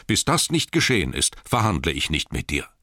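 A man's voice: lowish voice, very animated, normal speed, fairly bright tone, no echo, pitched above the performer's own voice. A man voicing a proud, furious male dwarf king in an audiobook, bellowing and commanding, with a dry close sound. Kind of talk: audiobook character voice.

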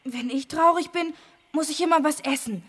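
A woman's voice: sits high, moderate pace, a bit bright. A woman voicing an eager, chirpy young boy. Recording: long reverb.

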